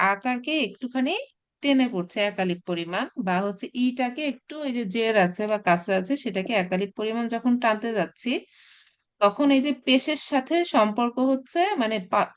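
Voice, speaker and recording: A woman teaching a recorded Arabic class, explaining patiently with many pauses and restarts, mixing in English terms. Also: mid-range voice, smooth. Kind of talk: recorded online class lecture.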